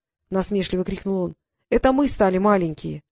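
A woman's voice: medium pitch, animated, fairly quick, creaky, darkish tone, no echo. Smug mocking boy voiced by a woman reader, sarcastic, audiobook, dry close sound. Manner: sarcastic, needling. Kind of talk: audiobook character reading.

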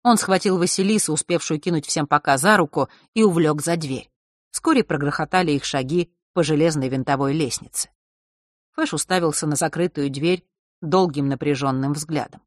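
A man narrating a young-adult fantasy audiobook in an even, measured way. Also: on the high side, no echo, studio quality. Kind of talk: scripted narration.

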